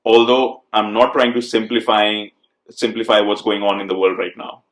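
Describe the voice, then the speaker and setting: A man's voice: on the low side, flat delivery, normal speed, roomy sound. A man from India hosting a conversation, thoughtful and hesitant, with many fillers and repeated words. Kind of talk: conversational interview.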